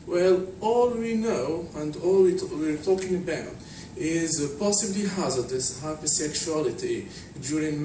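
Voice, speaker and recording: A man from Tunisia giving an academic conference talk, measured and explanatory with frequent fillers. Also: fairly high pitch. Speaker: conference speaker. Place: conference hall. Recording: distant, echoey hall with noise.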